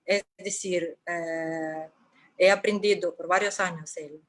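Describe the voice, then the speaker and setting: Slow, hesitant woman lecturing. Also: lowish voice, steady tone. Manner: hesitant, many drawn-out fillers. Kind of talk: conference lecture.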